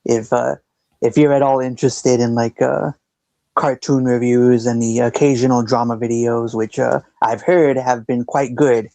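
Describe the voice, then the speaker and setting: A man guesting on a podcast, pausing often with fillers. His voice is flat and gravelly, mellow in tone, and recorded dry. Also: medium pitch, dry recording. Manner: hesitant, many fillers. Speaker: guest, cartoon reviewer. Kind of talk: casual podcast chat.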